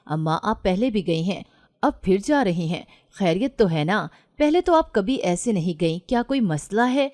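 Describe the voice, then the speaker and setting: A woman narrator voicing an anxious but defiant young unmarried daughter in a storybook reading, insistent and sharp-tongued. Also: medium pitch, big pitch swings, lightly acted. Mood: worried. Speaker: daughter in a read-aloud story.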